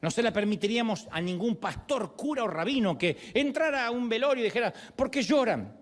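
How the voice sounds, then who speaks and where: Male pastor, sermon delivery, high, very expressive voice, animated storyteller who acts out quotes. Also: quick pace.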